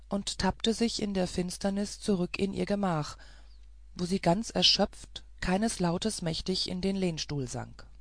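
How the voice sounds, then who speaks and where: Woman, audiobook narration, measured, expressive, gravelly, dry close sound. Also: medium pitch, no room sound. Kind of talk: scripted narration of a classic novella.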